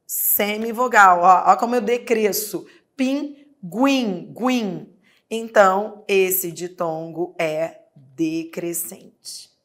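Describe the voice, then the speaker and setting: A woman's voice: lowish voice, fairly bright tone. A woman teacher with a Brazilian accent giving an exam prep lesson, sounding out words syllable by syllable. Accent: Brazilian Portuguese.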